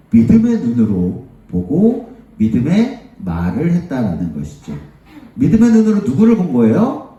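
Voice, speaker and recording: A man tells a Bible story to children in a church, swinging his pitch up and down with lively energy. His tone is warm and mellow rather than bright. He sounds far from the mic, with heavy echo filling the room. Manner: animated, acts out the crowd's voices. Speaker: Sunday school preacher. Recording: echoey church hall, voice from far off.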